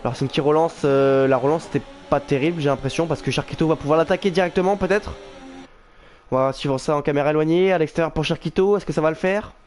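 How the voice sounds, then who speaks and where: A man's voice: on the high side, fast. A man doing informal live motorsport commentary on an online race, reacting with exclamations and thinking aloud. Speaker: motorsport commentator for an online sim racing league. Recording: clear background noise.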